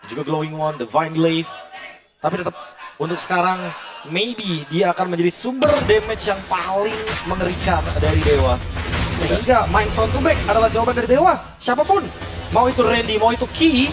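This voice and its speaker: Indonesian male analyst caster, high pitch, explanatory esports commentary, English game jargon, loud music bed. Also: a little fast. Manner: explanatory, mixing in English gaming terms.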